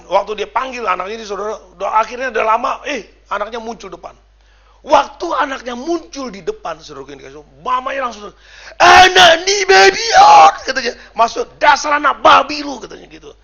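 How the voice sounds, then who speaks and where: A male preacher from Sumatra, animated, shouting for emphasis and acting out what people say. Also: high voice, highs cut off. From Sumatra, Indonesia. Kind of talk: sermon.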